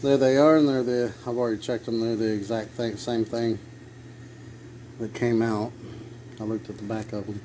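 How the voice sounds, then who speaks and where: A man's voice: mid-range voice, fairly even intonation, moderate pace, long pauses, dark tone, low-quality recording. Man narrating car repair over noise. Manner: plain-spoken, thinking aloud. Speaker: amateur car repair vlogger. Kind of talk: casual hands-on repair narration. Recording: clear background noise, vehicle ambience.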